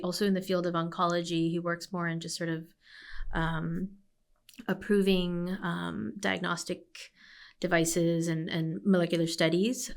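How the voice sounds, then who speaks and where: Smooth low-voiced woman from Hawaii. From Hawaii, United States. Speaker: oncologist guest. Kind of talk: conversational interview.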